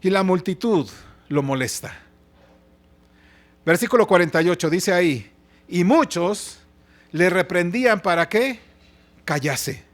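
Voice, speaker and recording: Man, mexican spanish accent, pastor, sermon, high-pitched voice, impassioned, loud then hushed. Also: lively intonation, unhurried, long pauses. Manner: impassioned preaching, shifts between loud exhortation and soft asides. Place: church.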